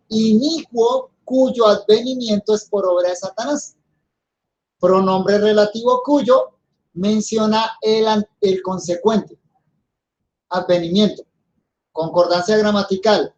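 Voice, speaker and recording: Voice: mid-range voice, slow, a little mellow, rough recording. A teacher with a Colombian accent giving a recorded grammar lesson, explaining step by step and addressing the students.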